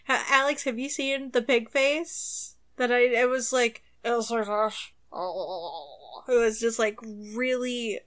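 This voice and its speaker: A woman's voice: on the high side, slow pace, fairly bright tone. A woman game master chatting casually about tabletop games, rambling with lots of fillers and frequent laughs.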